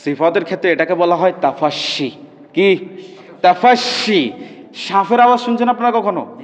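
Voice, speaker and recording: A man teaches recitation to a class. He drawls demonstration sounds slowly and keeps asking if everyone understands. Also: high-pitched. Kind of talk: classroom pronunciation lesson. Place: classroom with students. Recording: dull, reverberant hall recording.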